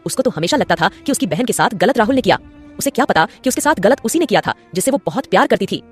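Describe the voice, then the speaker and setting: A woman's voice: mid-range voice, very animated, fast, breathy edge, faint music behind. A woman voicing a scheming, treacherous male commander who mocks and gloats in an audio story. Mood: gloating. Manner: mocking, gloating.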